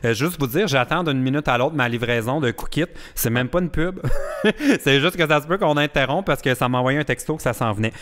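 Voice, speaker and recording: A man with a Quebec French accent hosts a podcast in a loose, casual chat. He is animated and laughs often, and he likes to mimic catchy phrases. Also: mid-range voice, a little fast. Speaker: podcast host.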